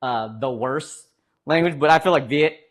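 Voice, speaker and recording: A man's voice: mid-range voice, normal speed. A young man streaming live, chatting casually with viewers in a joking, rambling way with lots of fillers.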